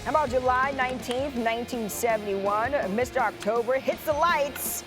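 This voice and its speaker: A woman presents a top ten sports countdown as a co-host. Her voice sits high, and she drops playful, chatty asides into the highlight commentary. Music plays prominently behind her. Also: normal speed. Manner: conversational asides and playful reactions. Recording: loud music bed behind voice.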